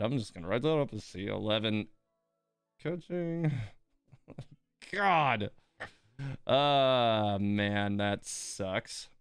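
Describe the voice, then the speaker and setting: Recorded dry with studio quality, a man chats on a gaming livestream, venting his exasperation through sighs and mild curses while he plays. His mid-range voice is clear and resonant, slightly bright.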